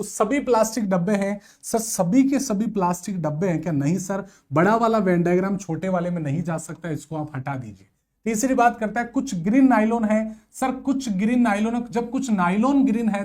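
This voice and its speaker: A young man teaching a live online exam coaching class, explaining reasoning problems step by step and quizzing his students with rhetorical questions. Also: sits high. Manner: lively, addresses students as sir, beta and bhaiya, rhetorical questions.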